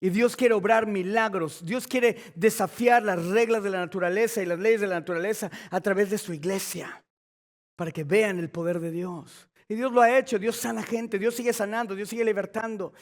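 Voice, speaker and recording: A man preaching a sermon to his church, impassioned, with quick asides to the congregation that build into shouting. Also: sits high. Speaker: pastor.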